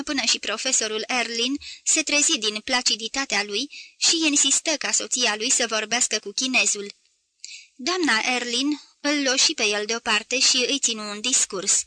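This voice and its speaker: Bright-voiced woman reading a novel aloud. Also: fairly high pitch. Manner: measured storytelling, lightly voicing the characters' quoted lines. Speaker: audiobook reader. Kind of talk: scripted literary narration.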